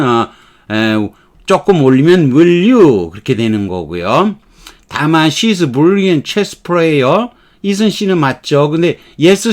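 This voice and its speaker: A man teaching a grammar lesson in a methodical, unhurried way. He pauses to read out example sentences, then explains each one step by step. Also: fairly high pitch. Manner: slow and methodical, reading example sentences aloud. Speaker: English teacher. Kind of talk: explaining English grammar in Korean.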